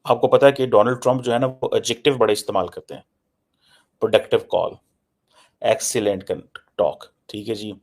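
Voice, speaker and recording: A man with a Pakistani accent offers informal political commentary and news analysis, emphatic and repeating phrases for effect while mixing English phrases into his speech. He speaks briskly in a steady tone, his voice on the low side.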